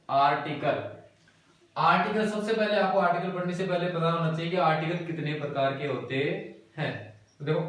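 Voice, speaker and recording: A man's voice: fairly high pitch, fairly bright tone. A man teaching an English grammar lesson step by step, repeating key words and asking questions that he answers himself. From India. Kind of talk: classroom lesson explanation. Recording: very echoey room, voice from a distance.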